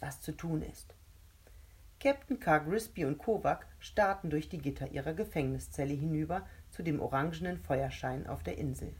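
A woman narrating a children's storybook in a calm, steady reading voice. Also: deep voice, breathy edge.

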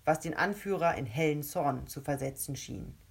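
A woman narrating a children's storybook in a calm, steady reading voice. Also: sits low, normal speed, creaky, slightly rough.

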